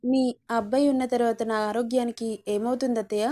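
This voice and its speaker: A gentle young wife, voiced by a woman reader, speaks with quiet devotion. Her tone is mellow and sits fairly high, in a storybook reading. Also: fairly even intonation, brisk, lightly acted.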